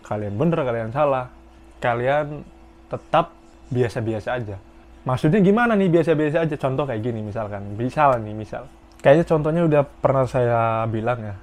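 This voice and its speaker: A young man from Indonesia talks straight to his viewers in a relaxed vlog monologue. He speaks at a middle pitch and hammers points home by repeating them. His delivery is informal and earnest. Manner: repetitive, emphatic storytelling addressed to viewers. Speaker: vlogger working in Japan.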